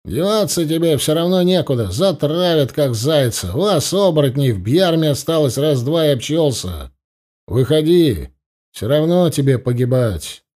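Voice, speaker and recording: A man voicing a loud, threatening village elder. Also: fairly high pitch, big pitch swings, moderate pace.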